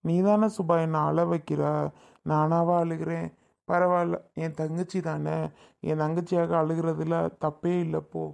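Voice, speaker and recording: A woman acts out a hurt, tearful elder brother in a family comedy skit, his voice low and gravelly. He pleads and sulks, taking every word to heart. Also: level tone, a little slow, darkish tone. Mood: hurt pleading. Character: emotional grown man, a doting elder brother.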